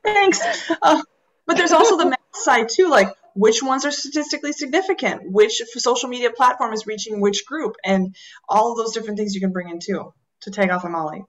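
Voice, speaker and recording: A woman's voice: on the high side, brisk, rough recording. A woman teacher in a book club discussion, upbeat and piling up ideas.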